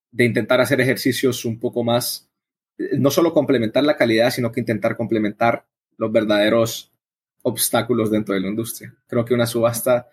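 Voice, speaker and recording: With a husky, medium-pitched voice, this Salvadoran man, who organizes coffee events, is being interviewed. He explains things conversationally and keeps tacking on tag questions.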